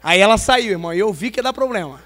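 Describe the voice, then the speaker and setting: A man preaching a pentecostal sermon, playful and storytelling, swinging from loud emphasis to quiet asides in a large church hall. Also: sits high, expressive, quick pace. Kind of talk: pentecostal sermon with humorous stories. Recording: long hall reverb.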